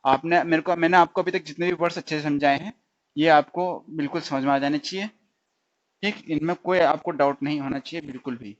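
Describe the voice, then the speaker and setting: A man's voice: fairly high pitch, steady tone, a little fast. A male stenography teacher giving a recorded lesson, explaining step by step, repeating each sound and checking that students follow. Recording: dull lo-fi sound.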